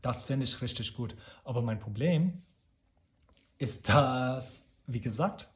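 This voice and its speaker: A man with an American accent speaks German as a second language to his native English. His delivery is slow and halting, in a mid-range voice, as he searches for the right word and corrects himself. It is a casual, personal vlog monologue. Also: mid-range voice, expressive. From United States. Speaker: video channel host.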